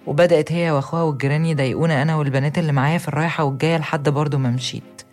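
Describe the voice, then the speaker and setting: Young woman, Egyptian accent, scripted first-person narration, rapid delivery, soft music underneath. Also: sits low, fairly even intonation. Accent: Egyptian Arabic. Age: young adult.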